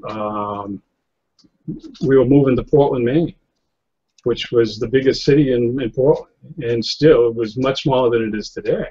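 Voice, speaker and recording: A New England, US photographer, appearing as an interview guest on a slightly lo-fi webcam video call, sits in an office chair in an indoor room. At normal speed with long pauses, his medium-pitched voice sounds mellow and husky as he rambles casually, chuckling often and using many fillers and restarts.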